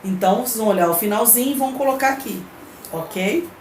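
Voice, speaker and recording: A woman's voice: on the high side, animated, fast talker, a little mellow. A woman teacher with a Brazilian Portuguese accent, giving a recorded remote lesson. She reads the textbook aloud, explains it patiently and checks in with her pupils. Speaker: primary school teacher. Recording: echoey room with faint background noise.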